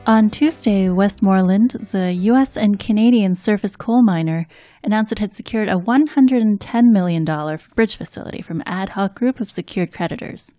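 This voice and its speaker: A woman co-hosting a podcast, reading scripted financial news in a measured, even way. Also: mid-range voice, no room sound. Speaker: co-host and news reader.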